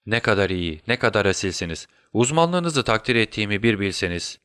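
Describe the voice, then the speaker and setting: A man's voice: lowish voice, animated, a little fast, fairly bright tone, clear, resonant tone, no room sound, clean studio sound. A man voicing a sick, feverish male detective in a storybook reading, urgent and conspiratorial. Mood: faint.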